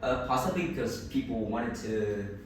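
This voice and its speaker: A male voice of medium pitch, animated and at a moderate pace, belongs to an early-teen Vietnamese boy answering speaking-test questions. He speaks with a Vietnamese accent as a native Vietnamese speaker, hesitating and restarting often. The room echoes, the mic is distant, and there's background noise.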